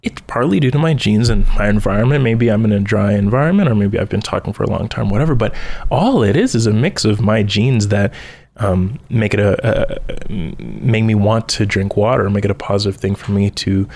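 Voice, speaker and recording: A man's voice: on the low side, brisk, gravelly, a little mellow. A young man hosting a podcast, talking through ideas in a casual solo monologue with frequent ums and restarts. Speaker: podcast host.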